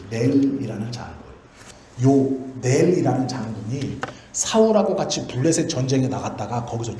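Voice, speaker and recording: A man's voice: mid-range voice, warm tone. A male pastor telling a Bible story in a sermon, chatty, asking questions and answering them himself. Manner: conversational, asks and answers own questions. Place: church sanctuary. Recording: very echoey church hall, faint noise.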